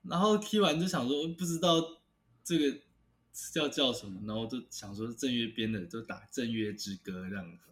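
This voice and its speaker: A man's voice: mid-range voice, moderate pace, a bit bright. A man in a band, chatting in an interview and laughing between phrases. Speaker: band member, guest. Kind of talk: casual interview chat.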